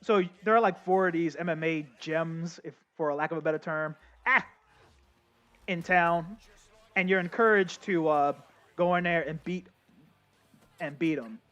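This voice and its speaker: Young guy streaming a game, bit high voice, talks to chat a lot, audio a little muffled. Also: a little slow, long pauses. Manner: chatty, excitable, addresses chat as y'all. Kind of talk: casual live gameplay commentary.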